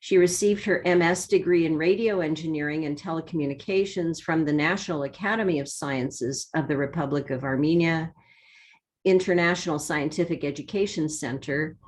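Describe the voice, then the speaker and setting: A woman hosting an online seminar, giving a measured, formal introduction with an occasional filler. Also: low-pitched, darkish tone. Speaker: seminar host. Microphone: video call.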